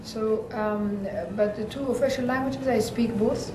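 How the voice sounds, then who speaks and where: A woman gives an interview and picks her words slowly, with many pauses and fillers. She sounds distant from the mic, and her voice rings in an echoey room with clear noise behind it. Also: fairly high pitch, fairly even intonation. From Afghanistan. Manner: hesitant, many fillers, thoughtful. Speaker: interview guest.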